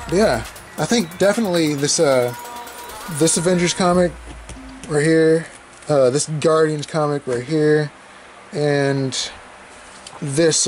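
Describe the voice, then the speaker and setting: With a fairly high-pitched voice, a podcast host casually rambles and swears while unboxing old comics at home. The young man films the comics on his bed with a handheld camera. The recording is rough.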